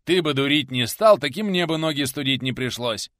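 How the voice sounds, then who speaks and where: Man voicing a gruff young warrior, loud and brash, lively delivery. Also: mid-range voice, brisk, dry recording, studio quality, pitched above the performer's own voice, natural voice. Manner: loud barking retorts.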